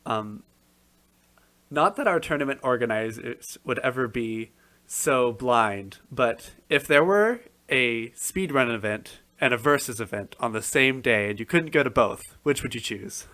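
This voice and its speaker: A man interviews a guest on his podcast in a steady, friendly way. His questions are measured and sprinkled with small fillers. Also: medium pitch. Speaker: podcast host.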